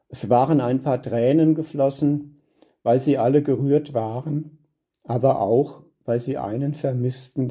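Man reading a story out, really slow, husky dark voice, dull lo-fi sound. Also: mid-range voice. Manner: measured, calm storytelling. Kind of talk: scripted narration.

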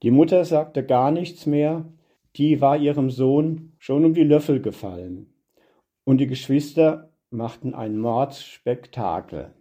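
A man calmly reading a story aloud in a measured storytelling manner. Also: mid-range voice, slightly rough, lo-fi sound. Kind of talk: scripted narration.

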